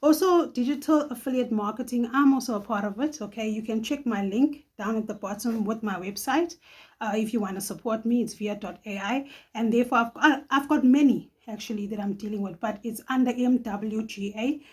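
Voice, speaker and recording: A middle-aged South African woman from Johannesburg hosts a casual advice vlog on her channel, chatty and quick to laugh, often ending sentences with "okay?". Her voice sits on the high side, with a darkish, husky tone.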